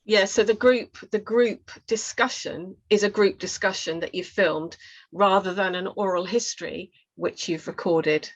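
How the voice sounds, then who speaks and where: A woman with a medium-pitched, slightly slow voice gives conversational, explanatory advice as an oral historian and workshop speaker, often hedging as she weighs things up. She's on a video call, and the webinar audio is dull and lo-fi.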